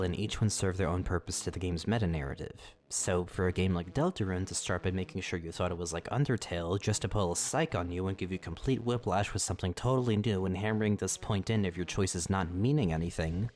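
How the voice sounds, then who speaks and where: A man's voice: low voice, darkish tone. A man narrating a scripted lore video, with casual asides and swearing.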